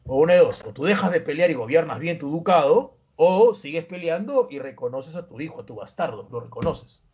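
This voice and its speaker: Male teacher as level-headed medieval king, patient lecturing, slightly high voice. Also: expressive, brisk, a little mellow, slight background noise, natural voice. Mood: reasoning. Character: calm, measured medieval English king.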